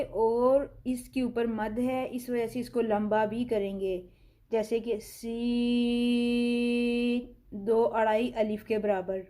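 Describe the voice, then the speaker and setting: A woman with a Pakistani Urdu accent gives a slow, step-by-step recitation lesson. Her voice sits fairly high but stays even and level, with a dark, mellow tone. She draws out each letter sound before explaining it calmly. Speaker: Quran recitation teacher.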